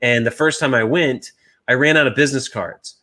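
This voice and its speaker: Man in his thirties, casual storytelling, animated, jumps high to act out other voices, from the US. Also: brisk. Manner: animated, acts out quoted voices with big pitch jumps.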